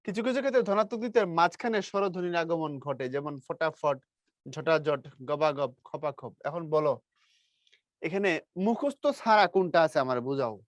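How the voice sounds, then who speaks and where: A man teaching a grammar lesson to a class in a lively, teasing way, quizzing his students. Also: fairly high pitch, brisk, dry recording, lo-fi sound.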